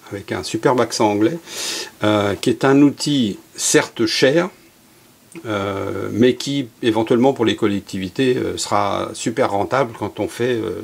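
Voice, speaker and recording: A middle-aged man with a gravelly, slightly husky voice talks through a hands-on craft demonstration. He keeps it relaxed and chatty, full of fillers and little asides. He sounds like an instructor walking a viewer through each step. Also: on the low side. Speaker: archery instructor.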